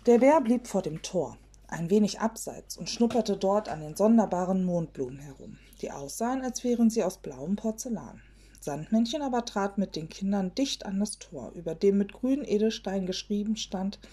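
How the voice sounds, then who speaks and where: A woman reading a children's fairy tale aloud in a gentle storybook manner, sometimes dropping to a hush. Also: mid-range voice, slightly rough.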